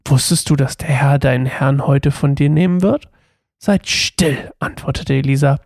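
A man's voice: mid-range voice, normal speed, vocal fry, a little mellow, no echo, clean studio sound. A man reading a Bible passage aloud and then commenting on it in a loose, casual way, with small slips and restarts. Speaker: Bible reading podcast host.

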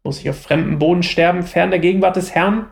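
A man's voice: high voice, fairly even intonation, fast, vocal fry. A man voicing a devout young fugitive warrior, reading his lines earnestly and pleadingly.

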